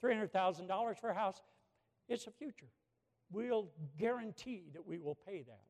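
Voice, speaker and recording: A man preaching a sermon in a church, telling a story with animated swings from hushed to shouting. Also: high-pitched, moderate pace. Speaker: pastor. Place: church sanctuary with a balcony. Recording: long hall reverb from a church.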